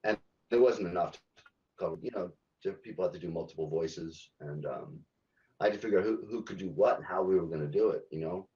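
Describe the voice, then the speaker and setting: A man, a game localization director, answering podcast interview questions haltingly, with many ums and restarts. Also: deep voice, dark tone, muffled recording.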